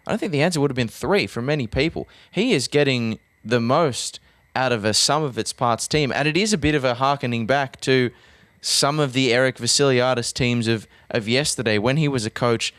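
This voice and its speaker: A man with an Australian accent, co-hosting a football podcast in lively, jokey chat. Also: mid-range voice, no room sound. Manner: animated, quick, jokey. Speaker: podcast co-host, football pundit.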